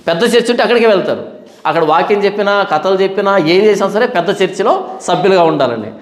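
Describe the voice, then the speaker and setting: A man's voice: high-pitched, animated, fast. Man preaching in an echoey hall. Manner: rhetorical questions answered by himself; colloquial, scolding preaching. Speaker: pastor. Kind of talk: sermon.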